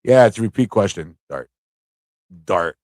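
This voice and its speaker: A livestream trivia host from the United States reads out questions, repeats them, and chats casually with viewers. His voice sits on the low side, expressive and darkish, at a moderate pace, with studio-quality sound and no room tone.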